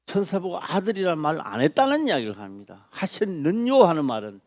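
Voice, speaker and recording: A man preaching a sermon as a pastor, speaking emphatically with repeated phrases and sudden loud stress. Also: on the high side, wildly swooping pitch, fast, dry recording, clean studio sound. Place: church.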